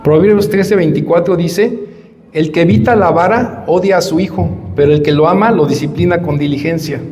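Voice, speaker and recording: A man's voice: fairly high pitch, moderate pace, darkish tone, long reverb tail. A man preaching a sermon as pastor, stressing points by repeating words and acting out parents and children. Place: church hall.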